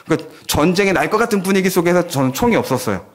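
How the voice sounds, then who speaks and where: A man's voice: high voice, rapid-fire. A man preaching a sermon at a church prayer meeting. He tells a vivid story and acts out the voices of the people in it. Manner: animated storytelling, acting out quoted voices. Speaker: pastor.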